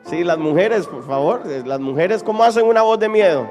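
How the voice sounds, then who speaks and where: High-voiced preacher, echoing hall. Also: male voice, normal speed. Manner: animated, dramatic preaching, acts out Bible quotes; questions the congregation directly. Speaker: pastor. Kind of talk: sermon. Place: church with a live congregation. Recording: reverberant church hall with keyboard music.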